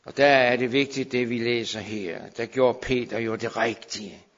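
A man preaching a sermon, moving between hushed, slow pleading and raised, urgent calls to his listeners. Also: mid-range voice, steady tone. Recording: dull sound with long hall reverb.

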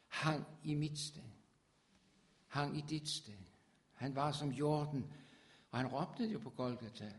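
A man preaching a sermon with fervor, his voice swelling loud on scripture. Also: medium pitch.

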